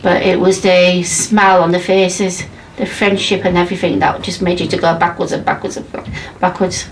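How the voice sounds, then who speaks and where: A woman's voice: lowish voice, little pitch movement, normal speed, a little hiss or hum. A woman in her fifties from England, telling her story bluntly and emphatically in a documentary interview. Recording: distant mic with faint background ambience.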